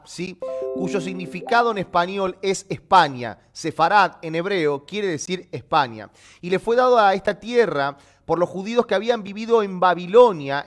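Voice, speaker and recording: High-voiced man teaching, checking in. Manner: explanatory, keeps asking "¿sí?" to check listeners follow. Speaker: host and Bible teacher. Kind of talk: live online Bible lesson.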